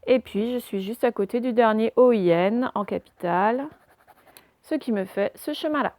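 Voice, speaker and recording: A woman's voice: on the high side, normal speed, darkish tone, no echo. A woman teaching a phonics lesson to young children, patiently spelling out letters one by one.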